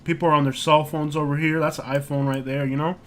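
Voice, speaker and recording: An American man hosts a casual livestream, browsing street views and reacting as he rambles loosely with plenty of fillers like "like" and "you know." His voice is fairly high and level in tone, and he talks quickly.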